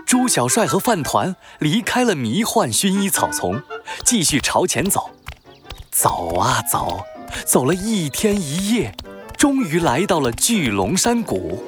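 A narrator reading a scripted children's story in a dramatic, expressive way. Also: mid-range voice, unhurried, over music.

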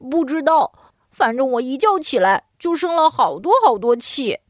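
Storybook piglet boy, sulky and whiny, high and jumpy as a woman puts him on. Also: big pitch swings, moderate pace, dry recording, studio quality. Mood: huffy. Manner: whiny, huffy, pouting. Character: grumpy little boy piglet, sulky and pouting.

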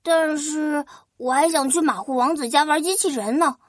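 A man voicing a young, lazy, excitable prince in a children's storybook, with a whiny, exclamatory manner. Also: very high-pitched, moderate pace, dry recording, clean studio sound, voice pushed up. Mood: dithering. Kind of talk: children's audio storybook character.

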